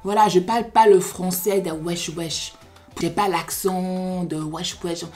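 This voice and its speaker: A woman's voice: lowish voice, steady tone, unhurried, darkish tone, faint music behind. A young woman with a Beninese French accent, from Benin and raised in the United States, chatting through a casual makeup tutorial and slipping English phrases into her French. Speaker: beauty vlogger.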